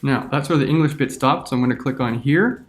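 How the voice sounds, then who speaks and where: A man teaching a screen-recorded software tutorial, talking through each step as he clicks. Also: mid-range voice, a little fast.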